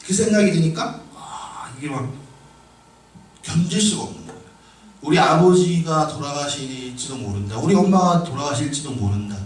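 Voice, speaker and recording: A man preaching a sermon with personal testimony, moving from quiet storytelling to shouted emphasis. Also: fairly high pitch, animated, normal speed. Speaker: pastor. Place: church sanctuary. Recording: echoey hall from far off.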